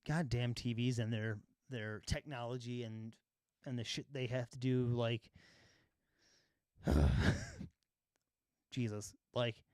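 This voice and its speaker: With studio-quality, echo-free sound, a man with a darkish, smooth, mid-range voice talks slowly and steadily, leaving long pauses. He's a filmmaker casually streaming his color grading, rambling through fillers, laughing a lot, and swearing occasionally.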